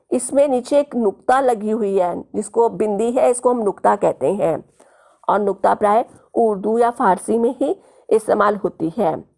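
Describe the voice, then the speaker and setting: A woman teacher slowly explaining a school language lesson to children, patiently repeating each word. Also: medium pitch, creaky, darkish tone. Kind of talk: slow classroom explanation. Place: online school lesson video.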